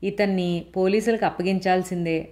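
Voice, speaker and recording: A woman's voice: lowish voice, steady tone, brisk, lightly acted. A woman voicing a fiery middle-aged woman who hates men, talking sharply and indignantly in a raised voice. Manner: sharp, indignant, shouting accusations.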